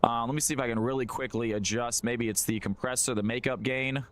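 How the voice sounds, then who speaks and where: A man's voice: medium pitch, fairly even intonation, brisk. A man streaming a game, chatty and upbeat while fiddling with his gear, his voice passing through uneven auto gain so the volume keeps swinging up and down. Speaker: gaming livestreamer. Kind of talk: casual live-stream chat.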